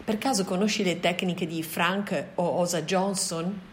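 A woman voicing a wise male gorilla teacher who speaks calmly and tells his story in a measured way. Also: fairly low pitch, slight background noise, lightly acted. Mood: calm, explaining.

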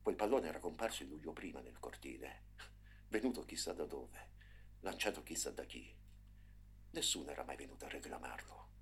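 A deep, very husky and breathy male voice narrating a story. He reads with lively swings of pitch, rising for the tense moments and dropping to near whispers in the quiet ones. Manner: expressive, dramatic reading with hushed passages.

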